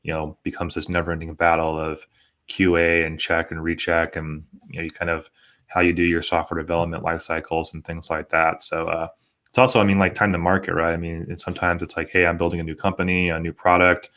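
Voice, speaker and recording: Deep-voiced American man, flat delivery. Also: brisk. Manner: rambling, peppered with conversational tags. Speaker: podcast host. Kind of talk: casual panel discussion.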